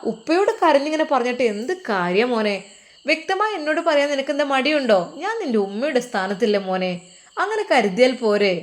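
A woman's voice: sits high, very animated, fairly quick, voice pushed up. A woman voicing a coaxing older foster mother. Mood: insistent. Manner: pleading, insistent questioning.

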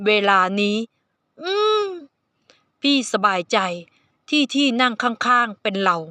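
A woman voicing a calm, reserved adult man in an audiobook romance, speaking softly and with measured care. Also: a little high, clear, resonant tone, no room sound. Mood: gentle. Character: calm reserved adult male alpha partner.

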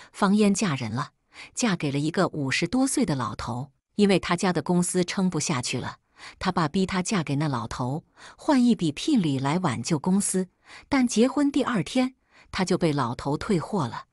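Brief: female narrator, lowish and breathy, steady first-person story read. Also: dry recording, studio quality.

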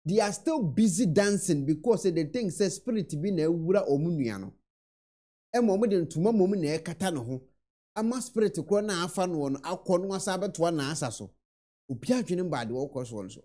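A man's voice: sits high, animated, fairly quick, dark tone. A young Ghanaian man in a small room, earnestly commenting on a video into a webcam and mixing in English words. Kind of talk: reaction commentary.

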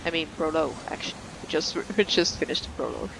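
A let's-play gamer giving casual, excitable commentary while playing. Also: mid-range voice, fast talker, gravelly, noisy background. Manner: excitable, chatty, gushing. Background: game music.

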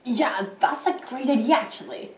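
Cosplay skit: young woman playing bossy, exasperated young male masked villain; fairly high voice, echoey kitchen, far camera. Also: moderate pace, slight background noise, lightly acted. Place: home kitchen, indoors.

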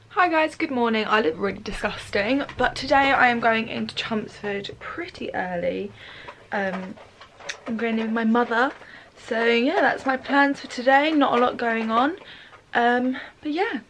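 Young woman, casual vlog chat, slightly high voice, rambling with fillers, faint background hiss. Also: unhurried, a bit bright, rough recording. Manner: chatty, rambling, with frequent fillers. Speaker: vlogger.

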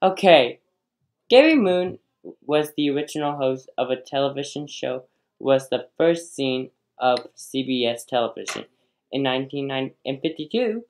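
A woman's voice: very deep voice, animated, unhurried, noisy background. A woman hosting a playful pretend game show, rambling and stumbling over the questions as she reads.

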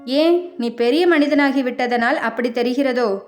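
A woman voicing a proud, sharp-tongued elderly mother over 60 who talks in a domineering, cutting way in a storybook reading. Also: high voice, a little slow, soft background music. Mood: defiant.

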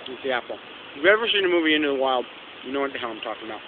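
A man's voice: mid-range voice, animated, very fast. A man of about forty chatting casually and unscripted to his own vlog camera. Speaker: running vlogger. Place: outdoors against a tree beside a road. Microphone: handheld camera at arm's length. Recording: tinny phone-like sound, noisy outdoor traffic.

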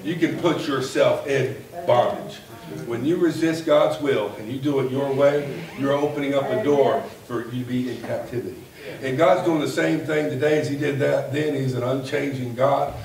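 Folksy preacher in an echoey church. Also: male voice, mid-range voice, normal speed, creaky. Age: 40s. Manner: folksy, animated preaching that builds to a shout. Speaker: pastor. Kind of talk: sermon. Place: church sanctuary, at a pulpit. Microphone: far camera at the back of the room. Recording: echoey church from far off, faint hiss.

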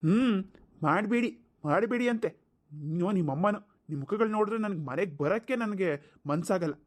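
A man's voice: high voice, expressive, brisk. A man playing a harsh, abusive father in a cartoon, scolding and sneering with mocking laughs. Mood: contemptuous. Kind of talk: cartoon voice acting.

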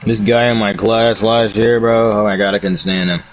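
A man's voice: on the low side, flat delivery, moderate pace, dull audio. A young man gaming with a friend, talking bluntly and complaining in casual slang. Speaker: gamer. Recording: faint background noise.

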